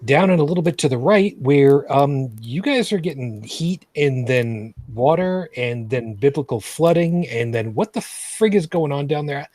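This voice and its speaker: Husky, dry-sounding male host. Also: on the high side, animated, moderate pace, hardly any pauses, darkish tone, dry recording. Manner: rambling, filler-heavy, repeats and restarts phrases; sarcastic. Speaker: main host. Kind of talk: casual live vlogcast chat.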